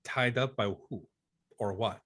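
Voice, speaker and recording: Man with middle-pitched voice playing tabletop game. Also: unhurried, a bit bright. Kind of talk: casual game table talk.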